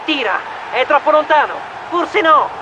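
A man voicing an excited male mouse football commentator in a storybook, in rapid sports-commentary style. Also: extremely high pitch, muffled recording, noisy background, voice pushed up.

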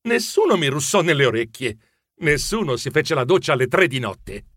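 A man narrating a children's storybook in the first person, with animated, exclamatory delivery. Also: a little high, moderate pace, no room sound, clean studio sound. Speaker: audiobook narrator.

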